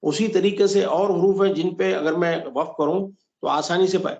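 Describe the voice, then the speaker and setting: A man teaching a Quran recitation class, patiently explaining rules step by step and slowly modeling the sounds. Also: high-pitched, steady tone, a little mellow. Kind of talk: online tajweed class. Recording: dull lo-fi roomy audio.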